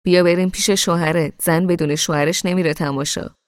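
Woman reader playing a cocky, teasing young man, loud and mocking, low voice. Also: fairly even intonation, no room sound, clean studio sound, close to an everyday voice.

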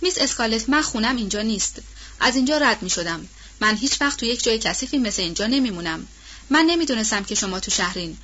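A woman voicing a burly, loyal male farmhand with a heavy, husky voice and rustic, colloquial speech in an audiobook. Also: a little high, animated, a bit bright. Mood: warm. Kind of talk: audiobook character reading. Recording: dull lo-fi audio.

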